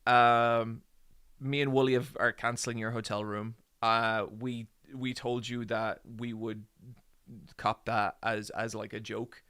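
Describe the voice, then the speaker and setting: A man's voice: medium pitch, little pitch movement, measured pace, sharp tone, clear, resonant tone. A man in his forties chatting casually with his stream audience, joking and rambling with lots of ums. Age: 40s. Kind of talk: casual live-stream chat with viewers.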